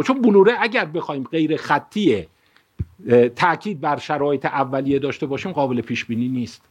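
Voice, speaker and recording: A man in his fifties giving a public science talk, an animated storyteller who mixes ideas with a personal anecdote and often corrects himself. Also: fairly high pitch, breathy edge. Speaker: lecturer.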